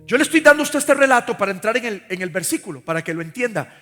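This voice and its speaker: In a large church sanctuary, a Costa Rican pastor preaches a live sermon, fervently urging the congregation to repeat after him. His high-pitched voice is very animated and sharp, delivered in rapid-fire bursts. The recording carries the reverb of the hall and faint music.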